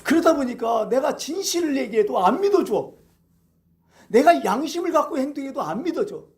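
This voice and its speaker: A man's voice: very high voice, moderate pace. A male pastor preaching a Sunday sermon, telling stories and asking the congregation rhetorical questions. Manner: animated storytelling with rhetorical questions.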